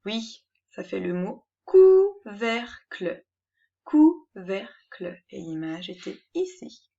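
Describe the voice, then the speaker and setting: A woman teaching a reading lesson, sounding out syllables one at a time and giving clear instructions to young learners. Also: mid-range voice, sing-song, mellow, highs cut off. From France. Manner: slow, syllable-by-syllable dictation.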